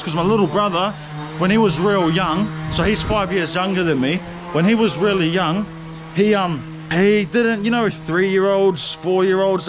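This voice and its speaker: A young man telling stories in a casual, slangy vlog, swearing and laughing often. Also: high-pitched. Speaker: vlogger. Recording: faint background noise.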